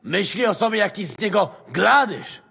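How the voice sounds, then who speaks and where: An actor playing a crude, hot-tempered mercenary who swears and grumbles in a game. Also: male voice, sits high, big pitch swings, fairly quick, vocal fry, bright, forceful tone, slightly rough, in a large hall, full character voice. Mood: grumbling.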